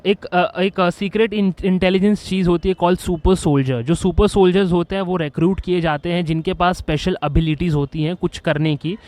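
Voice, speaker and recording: Earnest, excitable man explaining ideas. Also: fairly high pitch, no room sound. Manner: earnest, mixes English phrases into Hindi; excitable, with frequent restarts and fillers. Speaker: video host. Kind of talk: casual explainer monologue.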